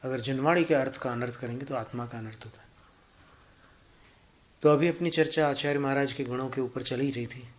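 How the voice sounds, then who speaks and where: A Jain preacher with a medium-pitched voice gives a religious discourse, teaching in a measured way and illustrating his points with anecdotes and examples.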